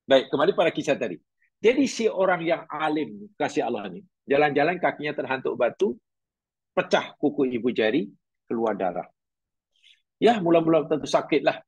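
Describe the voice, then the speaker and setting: Husky-voiced man preaching. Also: fairly high pitch, sing-song, normal speed, dry recording. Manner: conversational, questioning the audience, storytelling. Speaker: religious teacher. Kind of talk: religious class sermon.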